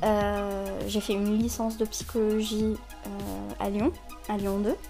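A woman's voice: mid-range voice, level tone, a little slow, warm tone, soft background music. A woman in her twenties who grew up in Saudi Arabia, speaking hesitantly with many fillers and restarts in a personal testimony. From Saudi Arabia, of Lebanese parents. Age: 20s. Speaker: interviewee.

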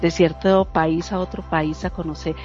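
Expressive woman storyteller, lo-fi audio. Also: on the low side, moderate pace. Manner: expressive storyteller, laughs, mimics dialogue. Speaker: guest sharing a story. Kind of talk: casual chat. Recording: slightly dull lo-fi audio, faint music.

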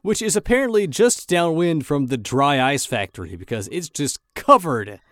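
A man's voice: fairly high pitch, big pitch swings, normal speed, a bit bright, dry recording, clean studio sound. A man co-hosting a podcast, casually narrating an episode recap with wry jokes. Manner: wry, joking. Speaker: podcast co-host.

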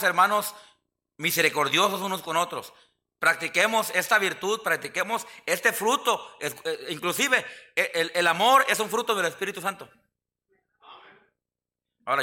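Mexican man, pastor, church sermon; very bright tone, folksy and joking, calls for amens. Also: high-pitched. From southern Mexico.

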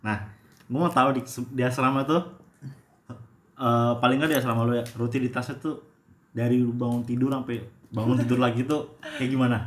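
A young man co-hosting a casual chat, quick and jokey as he probes with questions. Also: mid-range voice, steady tone, slight background noise. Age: young adult. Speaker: co-host.

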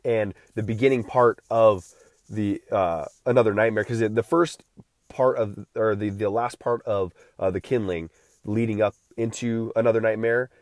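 Rambling man in his thirties, low voice. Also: steady tone, normal speed, darkish tone, dry recording, studio quality. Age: 30s. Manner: rambling, with many restarts and filler words. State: recovering from feeling unwell. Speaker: podcast host. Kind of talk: casual solo podcast monologue.

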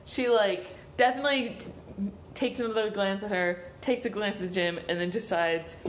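A woman playing a tabletop game, chatting in an excited, casual way. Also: medium pitch, normal speed, slight background noise. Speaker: player. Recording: roomy recording with a crowd behind.

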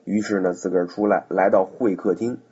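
A man's voice: low-pitched, fairly even intonation, brisk, mellow, breathy edge. A man narrating a classic tale in a chatty, casual way, with asides to the listener. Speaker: storyteller. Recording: dull lo-fi recording.

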